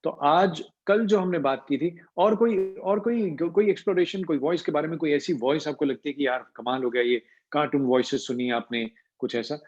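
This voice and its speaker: A man's voice: a little high, moderate pace, darkish tone. A man teaching an online voice class as coach. He explains each point and mixes English terms into his talk. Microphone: video call. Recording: dull lo-fi call audio.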